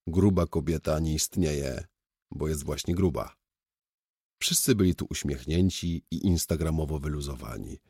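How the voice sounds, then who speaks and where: A man's voice: low-pitched, darkish tone, husky, no echo, studio quality. A man reading a first-person audiobook in a wry, sardonic storytelling manner. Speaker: audiobook narrator.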